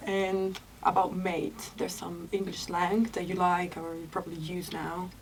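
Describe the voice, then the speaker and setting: A woman's voice: fairly low pitch, unhurried. A young woman from Italy, hosting a student podcast and chatting casually, often laughing. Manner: relaxed, asks questions, laughs often. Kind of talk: casual chat. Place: school room. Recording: distant mic, noisy background.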